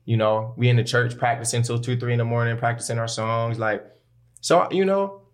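A man's voice: medium pitch, a little fast. Slangy, candid American man chatting. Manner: slangy, candid, peppered with "bro" and "you know". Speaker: musician, rapper. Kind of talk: casual podcast-style chat.

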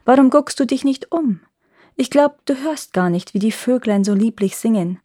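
A woman voicing a sly, hungry male wolf in a fairy tale reading, talking low and coaxing. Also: animated, normal speed, dark tone, no echo, clean studio sound. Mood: sweet-talking. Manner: low, scheming, sweet-talking.

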